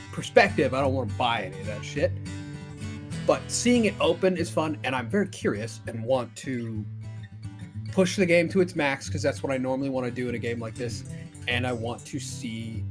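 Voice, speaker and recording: A man chatting casually as a podcast co-host, rambling and stammering, with a dry throat he keeps clearing. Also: mid-range voice. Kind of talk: casual chat. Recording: faint intro music looping behind.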